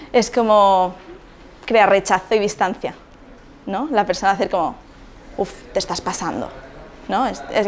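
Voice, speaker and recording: A woman giving an informal training talk, casual and chatty, with many fillers and tag questions. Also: medium pitch. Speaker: activism trainer.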